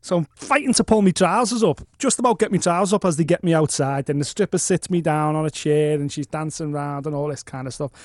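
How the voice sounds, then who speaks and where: A man's voice: fairly high pitch, quick pace, hardly any pauses, a little mellow, no room sound, studio quality. A man with a Northern English accent, chatting casually and telling anecdotes in colloquial, sweary language as a podcast co-host.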